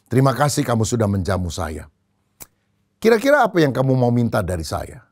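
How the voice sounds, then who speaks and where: A preacher acting out a proud male army general in a sermon story, switching between booming orders and low, gentle explanation. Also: wildly swooping pitch, brisk. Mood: grateful. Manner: booming and commanding when angry, low and soft when explaining. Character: proud male army general, hot-tempered then teasing.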